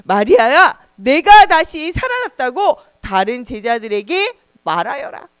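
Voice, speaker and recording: A woman voicing the risen Jesus as a calm, gentle man who speaks slowly and solemnly. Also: high voice, clear, resonant tone, dry recording, clean studio sound. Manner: slow, soft and solemn.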